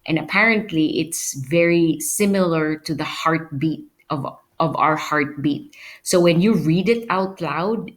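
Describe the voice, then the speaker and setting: A woman teacher explaining a lesson to her students, patient, and often checking in with "okay?". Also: low-pitched. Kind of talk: recorded online class lesson.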